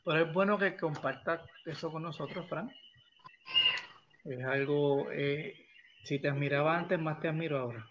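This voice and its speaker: A man's voice: on the high side, normal speed, background noise. A man hosting a live drawing stream, affectionate and encouraging, reading chat messages aloud, with dull lo-fi audio. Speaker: host of a live drawing show.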